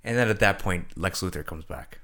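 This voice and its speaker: Very deep-voiced man rambling casually. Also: a little fast, fairly bright tone. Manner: rambling, hedging, many fillers. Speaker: podcast co-host. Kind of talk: casual chat.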